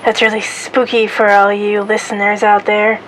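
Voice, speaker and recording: A woman's voice: medium pitch, little pitch movement, moderate pace, a bit bright, a little hiss or hum, rough recording. A woman hosting a casual paranormal podcast, presenting in a playful, showy way. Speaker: podcast host.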